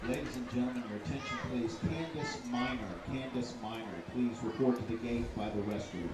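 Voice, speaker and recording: A man making a formal paging announcement over the stadium loudspeaker, heard from far away across an outdoor football stadium. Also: mid-range voice, steady tone, a little fast. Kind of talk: public address announcement. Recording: distant echoey loudspeaker with crowd noise. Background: crowd and outdoor noise.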